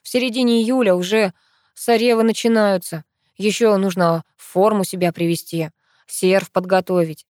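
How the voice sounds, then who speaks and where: A woman's voice: mid-range voice, fairly even intonation, normal speed, darkish tone, dry recording, studio quality, close to an everyday voice. A woman voicing an easygoing, teasing young man who jokes lazily. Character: young man, easygoing joker, donut-eating.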